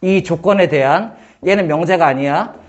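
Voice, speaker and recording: A man teaching math in a casual one-on-one lesson, firing quick questions at his student and joking. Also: on the high side, lo-fi sound. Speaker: math tutor.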